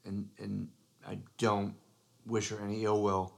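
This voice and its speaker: A man's voice: lowish voice, flat delivery, measured pace, creaky, a little mellow. A man co-hosting a podcast, talking in a casual, earnest way, restarting his sentences and often saying "you know". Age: adult father. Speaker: podcast co-host.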